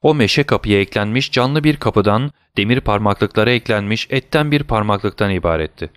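A man reading a classic novel aloud as audiobook narration, in an even, measured manner. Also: on the low side, clean tone, no echo.

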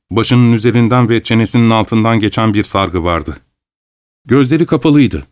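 A man narrating a story in a measured, unhurried way. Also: on the low side, darkish tone, dry recording, clean studio sound. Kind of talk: audiobook narration.

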